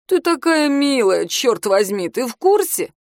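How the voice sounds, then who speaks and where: A woman voicing a drunk, crude, boastful high-school heartthrob boy in a storybook reading, loud and drawn-out. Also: sing-song, no room sound, clean studio sound, exaggerated voice. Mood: taunting.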